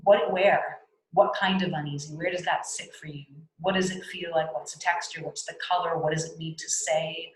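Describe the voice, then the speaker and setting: A woman with a low, grounded voice leads a spiritual workshop over a video call. She talks gently and circles back with "right?" and "um", and at times bursts into blunt, salty speech to act out anger. The sound has a roomy echo. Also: steady tone, normal speed. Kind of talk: guided teaching on a video call.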